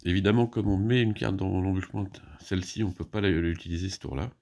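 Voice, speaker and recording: A man's voice: deep voice, steady tone, fairly quick, darkish tone. A man casually explaining his moves in a solo board game, thinking aloud with many hesitations and restarts.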